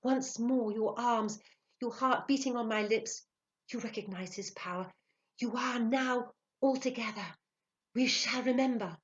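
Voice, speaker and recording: A woman's voice: a little high, unhurried, muffled recording, voice pushed up, close to an everyday voice. A woman reading aloud voices a playful, passionate young woman who gushes and sometimes drops to an awed whisper.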